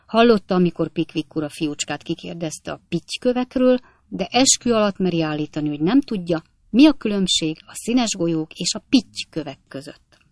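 Lower-voiced woman reading an audiobook. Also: no echo. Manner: lively, expressive storytelling. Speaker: narrator. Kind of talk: audiobook reading of a classic novel.

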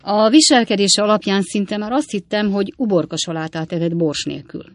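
A woman's voice: mid-range voice, no room sound, voice pushed up, close to an everyday voice. Storybook: woman plays a sly young male servant, mock-innocent teasing, dry close sound. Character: cheeky quick-witted young male servant.

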